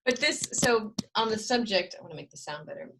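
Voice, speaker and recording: A woman's voice: mid-range voice, expressive, fairly quick, fairly bright tone. A woman in her fifties hosting a casual video call about fashion, chatty and rambling, often trailing off mid-sentence. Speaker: host.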